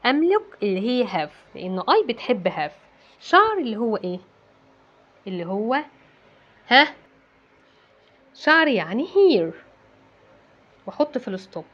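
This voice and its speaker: An Egyptian Arabic-accented woman explains a lesson to young pupils in a higher, very animated voice. She keeps asking and then answering her own questions and repeats key words. The recording sounds dull and lo-fi. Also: a little slow, long pauses. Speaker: English teacher for children. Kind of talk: classroom-style lesson explanation.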